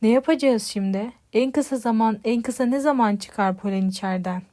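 A woman's voice: a little high, normal speed, dark tone, natural voice. A woman voicing an anxious, urgent man in an audiobook. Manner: urgent, worried. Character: tense, anxious grown man, worried friend.

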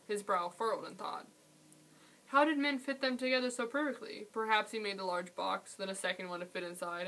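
A woman hosting a library read-aloud, reading a children's chapter book in a steady storytelling manner. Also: medium pitch, poor audio.

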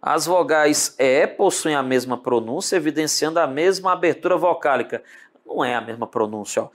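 A man with a Brazilian Portuguese accent teaching an online exam-prep lesson, speaking straight to the student and drawing words out slowly as he breaks them down. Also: on the high side. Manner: animated, talks to the student directly with lots of tag questions; drawls words out slowly when spelling them.

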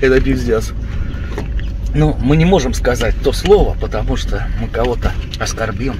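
A man's voice: medium pitch, normal speed. Middle-aged man, mouth burning from spicy food, swearing, complaining, exclaiming, casual vlog, noisy background. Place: outdoors in night woods, later inside a car. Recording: clear outdoor and vehicle background noise.

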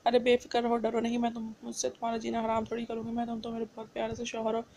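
A cheeky, stubborn young wife from a romance novel, read aloud by a woman. The voice is fairly high, mellow and soft, with an even, flat melody. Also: quick pace.

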